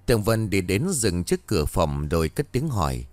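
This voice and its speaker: A man reading a ghost story in a dramatic, expressive way. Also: low voice, moderate pace, no room sound. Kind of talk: scripted ghost-story narration.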